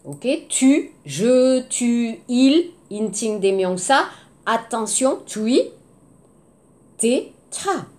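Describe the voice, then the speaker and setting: A woman's voice: a little high, very animated, a little mellow. A woman teaching French, patiently repeating words and drilling pronunciation. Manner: patient, repeats words slowly, mixes in Korean. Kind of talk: language lesson, drilling words.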